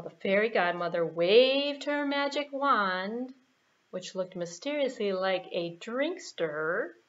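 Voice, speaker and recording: In a small indoor room, a middle-aged American woman with a slightly high voice narrates a children's puppet show, the audio a bit dull. She's a library puppeteer and storyteller, unhurried and animated, tossing in playful asides.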